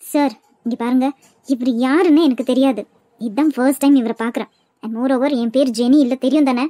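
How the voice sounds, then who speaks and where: A woman's voice: sits high, fairly even intonation, fairly quick, dark tone, no echo, studio quality, natural voice. A woman voicing a flustered young office worker. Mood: scared, firm. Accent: Kanyakumari Tamil. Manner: flustered, firm refusals. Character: frightened young widow, new office worker. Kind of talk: cartoon web series dubbing.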